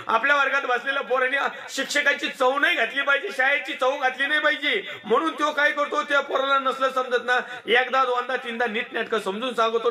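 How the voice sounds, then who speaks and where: A man preaching a sermon, animated and rhythmic, stacking repeated phrases and laughing as he talks. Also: very high-pitched, creaky.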